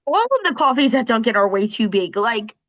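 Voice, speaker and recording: A woman co-hosting a podcast, calm and dryly steering the conversation along. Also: a little high, fairly quick, no echo, studio quality. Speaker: podcast co-host. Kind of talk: casual chat.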